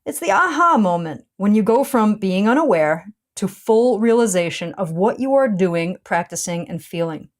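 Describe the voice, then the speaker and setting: A woman yoga teacher reading her own blog post aloud, with a punchy, sarcastic delivery and sudden lifts in pitch. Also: lively intonation, moderate pace, few pauses.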